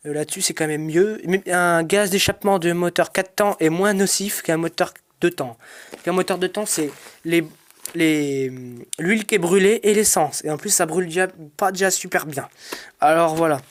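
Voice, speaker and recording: A man's voice: high-pitched, moderate pace. A man hosting a casual product review vlog, chatty and informal, rambling with frequent hesitations and restarts. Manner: addresses viewers as "guys", frank and informal. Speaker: channel host reviewing his brush cutter.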